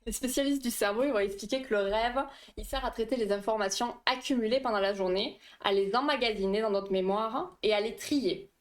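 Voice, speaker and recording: A woman's voice: a little high, brisk, few pauses. A woman hosting a casual livestream, explaining dream science with a quiz, chatty and laughing often while reading chat aloud. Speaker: livestream host.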